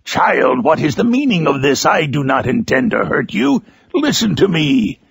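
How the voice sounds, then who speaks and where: A man voicing a vengeful, tormented outcast monster in a dramatic literary monologue, gravelly, husky and theatrical. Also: on the high side, sing-song, no echo, pitched above the performer's own voice, full character voice. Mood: menacing. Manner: slow, theatrical, brooding. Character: Frankenstein's monster, vengeful tormented outcast creature, brooding and menacing.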